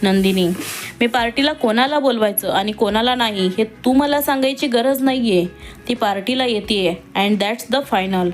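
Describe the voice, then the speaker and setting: A good-humoured businessman father who jokes easily but stands firm, as a woman reading the story voices him. Her voice stays fairly high for the part, with soft music in the background. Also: normal speed, close to an everyday voice. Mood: jovial. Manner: jovial, firm. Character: cheerful wealthy businessman father.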